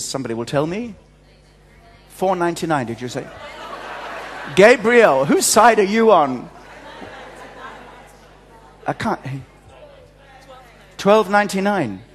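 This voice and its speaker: A man leading church notices at a pulpit microphone, joking and chatty as he talks to his congregation. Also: fairly high pitch. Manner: jovial, self-mocking, chatty. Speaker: church service leader giving announcements. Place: large church hall. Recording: long church hall reverb.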